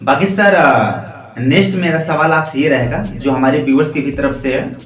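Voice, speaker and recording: A man's voice: on the high side, moderate pace, a bit bright, far from the mic. A man interviewing a guest, deferential and adding "sir" to almost every phrase. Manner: deferential, says sir constantly. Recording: echoey room, voice from afar, faint music.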